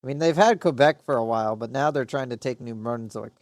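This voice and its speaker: A man's voice: medium pitch, fairly quick, darkish tone, no echo, clean studio sound. A man casually commenting on his strategy game during a live stream, rambling and muttering to himself with frequent swearing.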